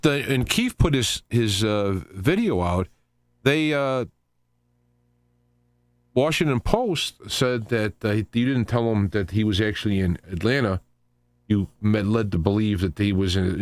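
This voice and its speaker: On a live talk radio show, the man at the mic gives off-the-cuff commentary, wandering into digressions and stopping and starting as he goes. His pitch is fairly low, and there is no echo.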